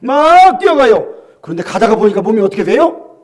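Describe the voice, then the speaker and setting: High-voiced pastor, lively animated sermon. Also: male voice, a little fast. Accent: Gyeongsang Korean. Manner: animated storytelling, shouting acted quotes; asks the congregation questions.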